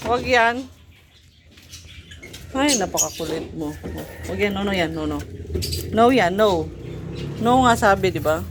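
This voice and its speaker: A woman's voice: mid-range voice, lively intonation, unhurried, long pauses, background noise. A woman coaxing a small child outdoors, repeating short commands in sing-song baby talk that mixes Tagalog and English. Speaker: caregiver coaxing a toddler. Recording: music playing over the audio. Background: background music, roosters crowing.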